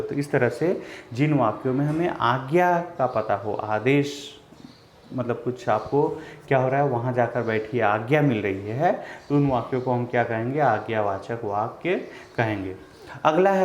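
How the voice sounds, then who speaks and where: Echoey teacher quizzing his class. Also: medium pitch. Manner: asks the class questions and answers them himself; acts out example sentences with repetition. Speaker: Hindi grammar teacher. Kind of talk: classroom-style lesson explaining to students. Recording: echoey room with faint background noise.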